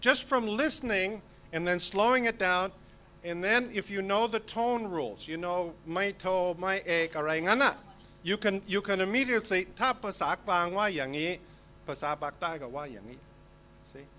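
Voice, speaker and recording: An older man teaching English at a presentation, explaining slowly and switching between English and Thai. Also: high voice, expressive, pushed and bright. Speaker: English teacher giving a talk. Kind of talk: live presentation demonstrating audio.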